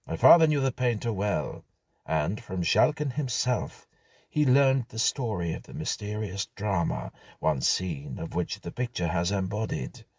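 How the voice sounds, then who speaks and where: Reading a gothic tale as an audiobook, this narrator uses a low, darkish voice that's gravelly and husky. He delivers it in a measured, dramatic, formal literary style, and the recording is dry.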